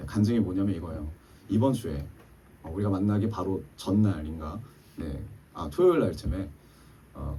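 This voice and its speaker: Pastor type, male, mellow husky voice, lively delivery of a church story, heard at a distance in the sanctuary. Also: lowish voice. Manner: storytelling, acting out quoted dialogue. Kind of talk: sermon.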